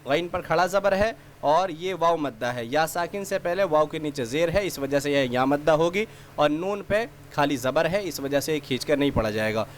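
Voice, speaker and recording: A man teaching a Quran reading lesson, drawing out letters slowly in recitation and then explaining the rules quickly and patiently, step by step. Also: fairly high pitch, lively intonation, a little hiss or hum. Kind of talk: recorded spelling and recitation lesson.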